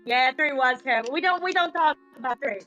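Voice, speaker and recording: High, bright-voiced woman playing tabletop. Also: quick pace, dull audio. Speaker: tabletop game player. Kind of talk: casual improvised role-play. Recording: music playing behind.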